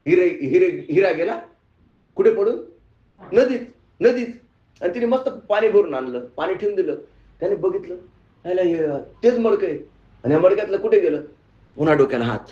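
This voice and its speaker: A male spiritual teacher delivers a lively sermon with storytelling and often quizzes his listeners. His voice sits slightly high, and the sound rings in a roomy space with a dull, muffled tone. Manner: animated storyteller, asks the audience questions. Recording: echoey room, muffled sound.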